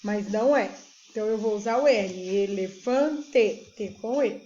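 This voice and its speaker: A woman teacher giving a recorded literacy lesson, slowly spelling words out syllable by syllable. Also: mid-range voice, mellow, slight background noise. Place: remote classroom video recording. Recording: echoey room, dull lo-fi sound.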